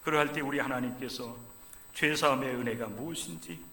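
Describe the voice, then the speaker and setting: A man preaching a sermon as pastor during a church service, swinging from loud fervent pleading down to hushed, low lines. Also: a little fast. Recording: echoey church sanctuary.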